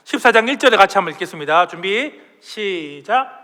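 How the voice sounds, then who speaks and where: Preaching in a church sanctuary, a male pastor speaks briskly in a high, sharp voice with lively intonation. He poses questions to the congregation and leads them in reading aloud, all under long hall reverb.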